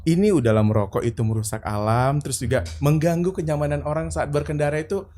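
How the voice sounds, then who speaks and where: A man's voice: fairly high pitch, quick pace, warm tone. Chatty podcast host man. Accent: Indonesian. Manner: chatty, lots of backchannel agreement. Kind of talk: casual interview.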